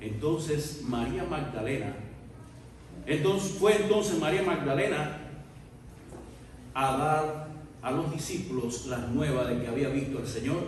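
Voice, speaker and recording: A man preaching a Spanish sermon as pastor, swinging from soft murmurs to loud shouted peaks and acting out biblical dialogue. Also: medium pitch, animated, measured pace, pauses often, slight background noise. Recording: echoey hall recorded from far off.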